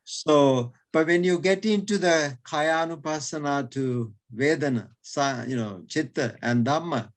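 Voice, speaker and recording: Male teacher, fairly high voice, slow and halting, lots of fillers and chuckles. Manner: hesitant, repeats words, many fillers; chuckles between points. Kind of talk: explaining in an online lesson.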